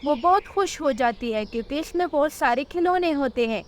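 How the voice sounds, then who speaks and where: A woman narrating a cartoon moral story in an even, simple storybook style. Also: high-pitched, moderate pace, a little hiss or hum.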